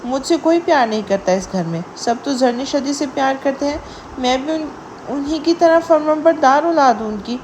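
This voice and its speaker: A woman's voice: high voice, lively intonation, a little mellow, a little hiss or hum. A woman voicing a stubborn, dramatic young wife who whines and pleads. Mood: whiny pleading. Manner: whiny and pleading.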